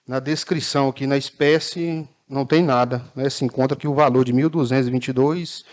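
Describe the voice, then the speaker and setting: A man with a Minas Gerais accent addresses a municipal council session. His voice sits at an ordinary middle pitch. He speaks in measured, halting phrases full of fillers and restarts. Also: a little mellow. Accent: Brazilian Portuguese, Minas Gerais. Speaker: city councilman questioning officials. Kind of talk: formal council session speech.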